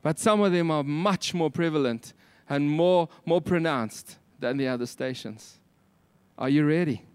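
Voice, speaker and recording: A male preacher with a South African Afrikaans accent and a notably high voice delivers a sermon. He speaks emphatically, leaning on repetition and rhetorical questions, and the sound is dry and close. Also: measured pace, a little mellow, clean tone, no room sound.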